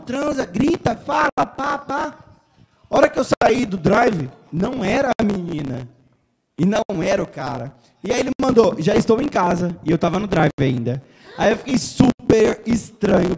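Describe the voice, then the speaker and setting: Man, high gravelly voice, loud and joking, casual talk-show storyteller. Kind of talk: casual chat.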